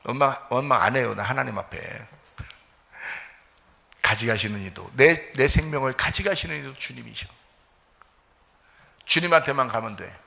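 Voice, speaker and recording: A male pastor preaching a sermon with passion, swinging between loud, fervent peaks and low, quiet stretches. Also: creaky. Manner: impassioned preaching, swings from shouting to near-whisper. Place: church sanctuary. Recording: echoey church hall.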